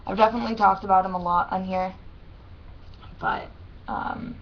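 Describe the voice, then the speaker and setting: A young adult woman with a lisp and thick, swollen-tongue speech, talking haltingly and plainly in a casual personal vlog. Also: mid-range voice, steady tone. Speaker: vlogger. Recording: dull lo-fi sound with faint noise.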